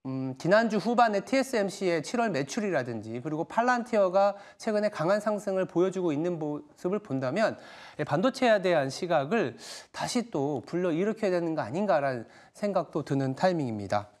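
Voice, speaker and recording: A man hosts a televised stock market talk, his voice sitting on the higher side for a man. He lays out market moves in a measured, explanatory way, dropping small fillers as he goes. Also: animated, darkish tone. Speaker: TV stock market show host. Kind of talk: broadcast market commentary and interview.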